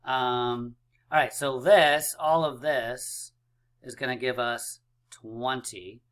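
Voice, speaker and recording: Upbeat bright-voiced male math coach. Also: medium pitch, fairly even intonation, slow pace. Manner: upbeat, chatty, many fillers. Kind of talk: kids' math lesson.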